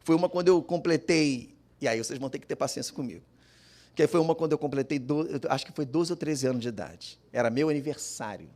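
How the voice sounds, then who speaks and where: A man's voice: a little high, fast talker, a little mellow. A man giving an emotional personal testimony as a father at a public forum, acting out the voices of his family as he tells the story. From Brazil.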